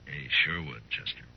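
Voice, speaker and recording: A firm, steady frontier marshal in an old radio western. His low voice is dry, plain-spoken and authoritative. The recording is dull, with faint vintage hiss. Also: creaky, heavily acted. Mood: dryly amused. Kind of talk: 1950s western radio drama acting.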